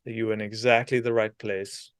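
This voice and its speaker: In a dry, studio-quality recording, a man with a lowish, level voice leads a guided meditation. He speaks calmly and slowly, with long pauses between brief phrases.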